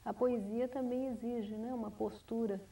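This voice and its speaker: A woman writer, answering interview questions in a measured, reflective way, often restarting and adding "né?". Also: fairly high pitch, steady tone, gravelly, mellow. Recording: distant mic, 1990s TV studio recording.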